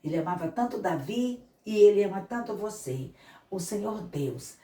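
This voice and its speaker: A woman missionary telling a Bible story to children, animated and speaking to them directly. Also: mid-range voice, moderate pace. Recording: echoey room, mic far off.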